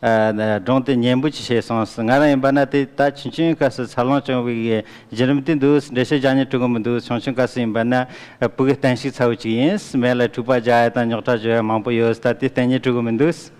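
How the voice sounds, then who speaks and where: A man interpreting a biology lecture for students, beginning each turn with a quick affirming "aha.". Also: mid-range voice, steady tone, a little mellow. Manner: brisk, with frequent affirming "aha". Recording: smooth voice in a long-reverb hall.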